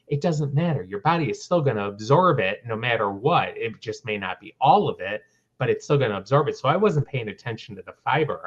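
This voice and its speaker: Middle-aged male guest, animated storyteller who acts out the people in his story, slightly muffled livestream sound. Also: mid-range voice. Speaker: interview guest. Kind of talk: casual storytelling in a livestream interview.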